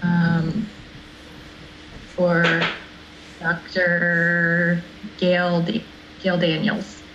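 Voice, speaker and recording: A woman on a licensing board asks questions in an uncertain, conversational way. Her voice sits a little low. The line sounds dull and lo-fi, with faint noise behind. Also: completely flat delivery, extremely slow. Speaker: board member.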